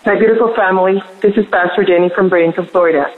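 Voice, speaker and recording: A woman's voice: lowish voice, fairly even intonation, quick pace. A woman pastor prays fervently on a call-in line, calling her listeners family, with a canyon-like echo from the bare room of an empty new house. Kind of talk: spoken prayer on a call-in line. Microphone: phone call. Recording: phone-line sound with roomy echo.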